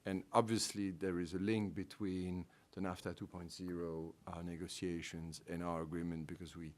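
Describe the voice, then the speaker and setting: With a low voice and flat delivery, a middle-aged man with a French-speaking Belgian accent, a trade negotiator, stumbles through panel comments, restarting sentences and filling gaps with ums.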